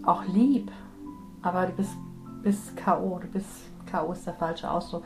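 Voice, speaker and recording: A woman working as a spiritual medium, gently guiding a healing session and speaking softly to a soul. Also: fairly low pitch, steady tone, measured pace, faint music behind, low-quality recording. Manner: soft, soothing, gently addressing a soul.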